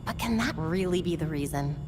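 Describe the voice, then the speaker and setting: A woman voicing Batgirl, a determined young vigilante, speaking in an earnest, brisk and focused way. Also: lowish voice, animated, close to an everyday voice. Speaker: game character. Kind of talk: video game cutscene acting. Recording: reverberant game mix with faint background noise.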